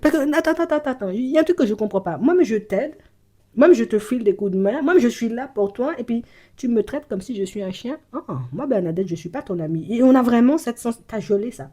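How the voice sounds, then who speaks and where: A woman's voice: on the high side, animated, a little fast, mellow, breathy edge. A woman giving a spoken intuitive reading to the viewer as a psychic reader. She rambles, stammers and repeats herself, leans on constant verbal fillers, and slips into speaking in the first person for an absent person.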